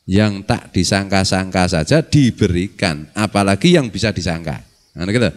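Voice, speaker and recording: A man's voice: deep voice, animated, moderate pace. A middle-aged man with a Javanese accent gives a casual religious lecture, joking and laughing as he teaches and recites Arabic. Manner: jokey, laughs often, mixes local and Arabic phrases. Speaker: Islamic scholar teaching a study circle.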